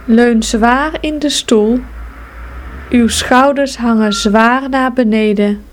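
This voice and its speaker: Woman, relaxation guide; very slow, calm, soothing delivery, slightly high voice. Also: slight background noise. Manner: slow, calm, soothing instructions with long pauses. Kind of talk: guided progressive muscle relaxation.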